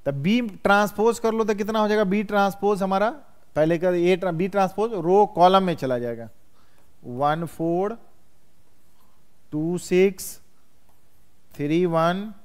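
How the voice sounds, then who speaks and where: Male math teacher, high and clear, classroom lecture full of questions to students. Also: measured pace, pauses often. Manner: quizzes students constantly, calls them "बउआ".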